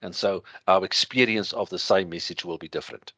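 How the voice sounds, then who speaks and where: A man with a thick Afrikaans accent lecturing through slides, explaining in a halting way with everyday examples. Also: deep voice, bright, forceful tone, no room sound.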